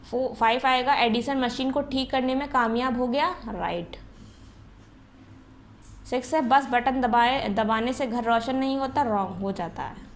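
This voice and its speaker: Here a woman teacher, her voice a little high and her pace measured, leads a school lesson step by step. She patiently quizzes the class and responds to her own questions, and there's slight noise in the background.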